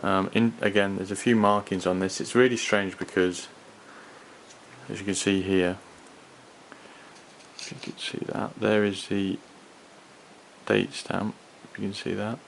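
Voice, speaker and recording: The speaker is a man who collects and reviews gas masks, talking low and flat through an off-the-cuff, hands-on product review. He sounds hesitant and rambling, stopping and starting, with poor audio and noticeable background noise.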